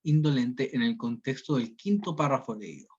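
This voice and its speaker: A man's voice: mid-range voice, moderate pace, breathy edge. A male teacher, giving an online reading class and explaining each step, often checking in with the students. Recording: dull lo-fi sound.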